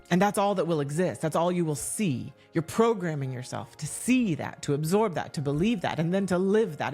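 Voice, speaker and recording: A woman's voice: deep voice, dark tone. Earnest woman podcast host over faint music. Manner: earnest, repetitive exhortations. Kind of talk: motivational monologue.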